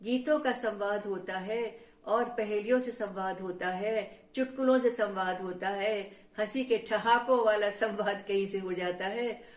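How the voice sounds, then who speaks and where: Slow, teacherly woman storyteller for kids, echoey room. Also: mid-range voice. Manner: teacherly, addresses listeners as friends. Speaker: storyteller for children. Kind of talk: children's storytelling lesson. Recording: roomy echo.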